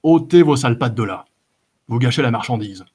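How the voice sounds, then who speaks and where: A man reading as a greedy, crafty bandit chief who drawls and hesitates as he sizes up his prize. The husky voice sounds coarse and sly, a storybook rogue. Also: mid-range voice, expressive, a little fast, warm tone. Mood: gruff. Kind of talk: audiobook character voice.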